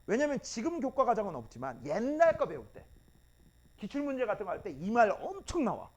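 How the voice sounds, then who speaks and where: A man's voice: high voice, huge pitch swings, fairly quick, dull audio. A male physics teacher lecturing students in a blunt, teasing way and drilling terms by repeating them. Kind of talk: classroom lecture.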